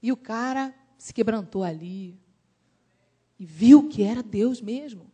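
A woman from Brazil, a missionary preaching a sermon in an animated, emphatic storytelling way. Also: on the high side, measured pace, husky.

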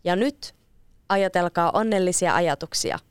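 A playful, confident boy speaks, as a woman reader puts him on, sounding eager for adventure. The voice is smooth and clear, a little lifted from her usual tone. It sits dry and close. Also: fairly low pitch, no echo, natural voice. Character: cheerful adventurous boy who never grows up. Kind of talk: storybook read-aloud.

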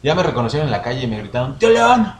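A man's voice: mid-range voice, very fast, background noise. A young man with a Mexican Spanish accent, co-hosting a podcast in a crude, joking casual chat. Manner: crude joking, laughs a lot. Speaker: podcast co-host.

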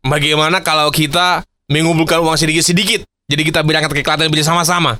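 A man's voice: on the high side, little pitch movement, quick pace, bright, forceful tone. A man acting in a comedy sketch, speaking in an overly formal, theatrical way with sing-song outbursts.

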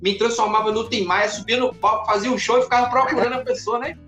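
A man, a podcast guest in casual chat, who tells his stories in an animated way and acts out the scenes. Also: very high-pitched, fast talker, faint music behind. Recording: roomy echoey room.

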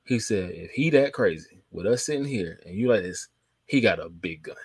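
Low-voiced laid-back man, dry sound. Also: animated, normal speed, breathy edge, no echo. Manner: laid-back storytelling, trailing off quietly. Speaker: podcast co-host. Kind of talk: casual chat.

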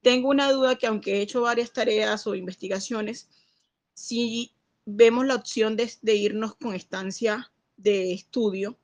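A woman's voice: a little high, fairly even intonation, unhurried. A Venezuelan woman joining a live video call to ask a question, speaking hesitantly and rambling a little. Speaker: participant on a call.

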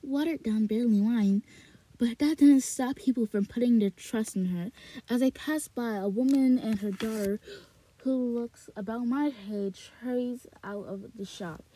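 On her podcast, a woman with a slightly high, warm, husky voice reads from a novel at a slow pace, then drifts into loose conversation thick with fillers, repetitions, and restarts. It's a low-quality recording made in a small closet.

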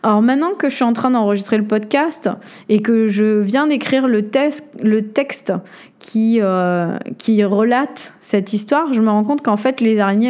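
Woman podcast host, first-person storytelling, animated delivery, frequent fillers, slightly high voice. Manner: animated, many hesitations and fillers.

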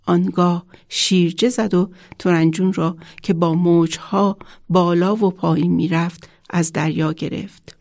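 A woman children's author reading her own story aloud in a measured, expressive storytelling manner. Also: on the low side, dry recording, studio quality.

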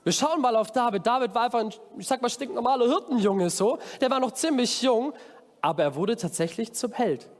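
An energetic man preaching to kids, his voice pitched high and animated. He calls out to the crowd and tells stories with gusto, and his voice rings with a long hall echo. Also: fairly quick. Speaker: children's camp preacher. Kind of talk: lively children's sermon.

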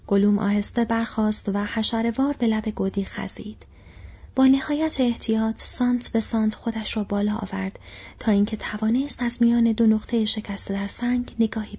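A woman narrates an audiobook in a very breathy, near-whispered voice, soft and hushed throughout. The sound is dull and lo-fi, lacking any crispness. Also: medium pitch. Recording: dull lo-fi recording.

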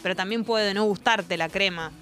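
A woman with a Rioplatense Spanish accent co-hosts a relaxed podcast chat, blunt and joking. She speaks at an everyday middle pitch, and faint music plays behind her. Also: moderate pace. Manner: joking and blunt, asks listeners to write in. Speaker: co-host.

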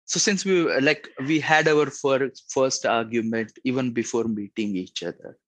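A man's voice: medium pitch, moderate pace, no room sound. Young Indian-accented man, casual storyteller, close dry sound. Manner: animated storyteller, laughs often. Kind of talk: casual chat.

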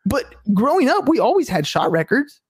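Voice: high-pitched, very animated, normal speed, breathy edge. A speaker in a casual debate who talks hesitantly, asking questions and often restarting sentences. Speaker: conversation partner.

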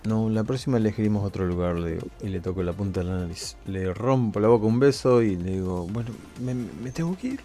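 A man's voice: low-pitched, quick pace, hardly any pauses, dark tone, faint music behind. A man with an Argentine accent, playing a tabletop game with playful, in-character banter. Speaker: player.

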